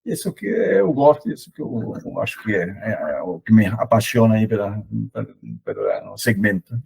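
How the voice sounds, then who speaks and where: A middle-aged Argentine logistics consultant, a native Spanish speaker, is a guest in a casual interview, speaking Portuguese as a second language with an Argentine Spanish accent. He sounds hesitant and uses many fillers, though animated, with a fairly low, creaky, darkish, slightly rough voice at a moderate pace. The audio quality is poor.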